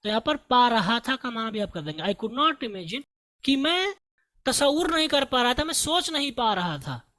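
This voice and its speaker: A man with an Indian accent teaching an English text line by line, reading each quoted sentence slowly word by word and then explaining it patiently. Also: very high voice, very animated, sharp tone, no room sound.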